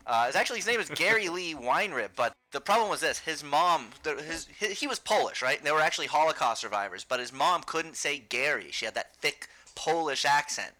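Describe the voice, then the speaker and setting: Bright-voiced guy cohosting, jokey storyteller, kinda high. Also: fairly quick, hardly any pauses, rough recording. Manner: joking, animated storyteller. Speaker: podcast co-host. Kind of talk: casual chat about music.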